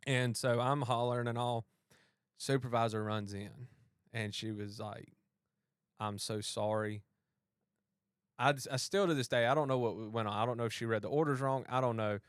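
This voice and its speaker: Recorded at studio quality with no room sound, a man with a clear, resonant mid-range voice speaks at a moderate pace, leaving long pauses. He's a podcast host and police officer giving an animated, casual retelling of a personal story, voicing both people in the conversation.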